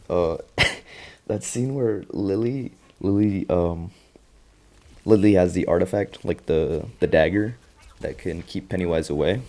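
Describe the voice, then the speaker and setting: A man's voice: low-pitched, dark tone. A young man recapping a TV show in a casual vlog, full of slang, swearing and laughter.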